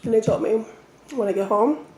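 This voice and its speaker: A woman telling stories casually as an eating-show host, talking in short phrases with pauses. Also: on the high side, darkish tone, slight background noise. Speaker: mukbang host. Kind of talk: casual storytelling while eating. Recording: roomy, echoey indoor sound.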